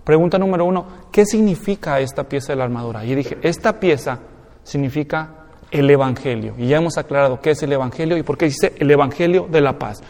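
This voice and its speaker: A man, a Mexican pastor with a Mexican Spanish accent, preaching an expository sermon and acting out everyday examples in an animated way. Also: a little fast, in a large hall. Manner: animated, acts out everyday examples with rising pitch.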